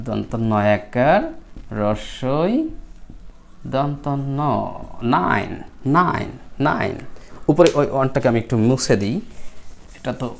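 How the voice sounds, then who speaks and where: This is a man with a Bangladeshi accent giving a classroom-style pronunciation lesson. His pitch rises and falls a great deal as he explains. He repeats each word several times, slowly and deliberately. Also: creaky. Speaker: English pronunciation teacher.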